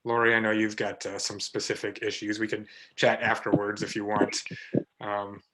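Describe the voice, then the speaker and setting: A man's voice: lowish voice, completely flat delivery, moderate pace, sharp tone, low-quality recording. A man hosting a video meeting on special education, talking in a friendly, encouraging way with fillers. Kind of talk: casual video meeting talk. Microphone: video call.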